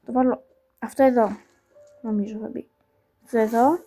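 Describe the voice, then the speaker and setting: A woman's voice: a little high, steady tone, mellow, faint music behind. A woman hosting her own channel, casually talking through each move of a puzzle game and poking fun at herself. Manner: chatty, thinks aloud about each move, repeats words like "here" and "no"; self-mocking and apologetic toward viewers. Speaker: channel host playing a mobile game. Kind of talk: casual gameplay commentary.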